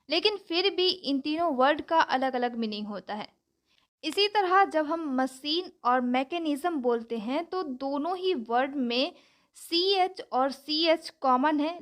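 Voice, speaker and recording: A woman teaching a lesson, explaining terms slowly and carefully with example words. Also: high voice, fairly bright tone.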